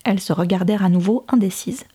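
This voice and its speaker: A woman's voice: mid-range voice, fast talker, mellow, slightly rough. A woman reading a novel aloud as an audiobook, voicing each character's lines with light shifts in her voice. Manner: reads all characters' dialogue with light voice shifts. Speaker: audiobook reader. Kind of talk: scripted narration of a novel.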